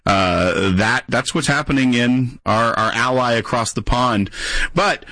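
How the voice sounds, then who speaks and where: A man's voice: mid-range voice, measured pace, bright, forceful tone, no echo. An American man hosting a political radio call-in show, building his commentary with hesitations and restarts. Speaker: radio talk show host. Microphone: close studio microphone.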